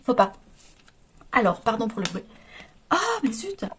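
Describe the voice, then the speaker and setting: Brief: French woman vlogger, chatty and rambling, laughs a lot, fairly high voice, casual home chat. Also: sing-song, measured pace, fairly bright tone, slight background noise. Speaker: knitting vlogger.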